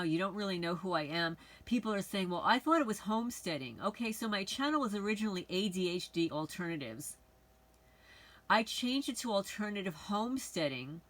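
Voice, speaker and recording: A woman's voice: medium pitch, fairly bright tone, rough recording. A middle-aged woman from the Bronx, talking to her channel's viewers in a rambling, frank, conversational monologue. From the Bronx, New York. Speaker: channel host. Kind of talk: casual personal monologue.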